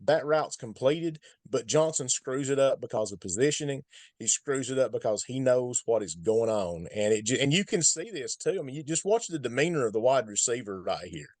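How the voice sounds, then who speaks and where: Male football analyst, Appalachian hillbilly accent, mid-pitched and dryly recorded, folksy, emphatic, casual breakdown of plays. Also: lively intonation, normal speed, darkish tone, no room sound. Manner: emphatic, folksy, repeats points for stress. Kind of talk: casual sports commentary.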